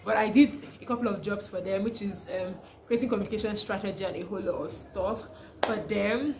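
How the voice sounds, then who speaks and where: Talking to camera in a casual vlog, this young Nigerian freelancer speaks with a Nigerian accent at a medium pitch and a fairly quick pace. She's chatty, keeps restarting her sentences and laughs as she tells stories, and there's background noise.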